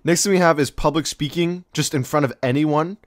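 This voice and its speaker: A man's voice: a little high, fairly quick, no room sound, studio quality. A young man hosting a casual countdown video, rambling in slang with many fillers and acting out quoted voices. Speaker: video host.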